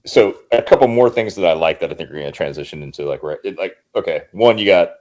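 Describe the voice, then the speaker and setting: Deep-voiced man, thoughtful and hedging. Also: lively intonation, fast, a little mellow, lo-fi sound. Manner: thoughtful, hedging with many restarts. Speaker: podcast guest, Marine veteran. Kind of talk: casual film review chat.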